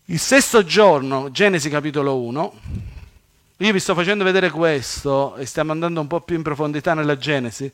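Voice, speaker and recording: A slightly high-voiced man delivers a sermon. He preaches with animated swings, rising loud on quoted scripture and dropping low for quick asides.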